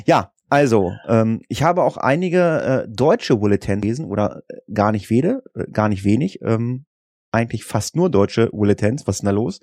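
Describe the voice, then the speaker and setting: A man from Germany hosting a casual podcast chat. He talks fast and chatty, often tripping over his words. His low voice has a gravelly edge, recorded dry and close. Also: lively intonation, a little mellow, no room sound. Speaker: podcast host.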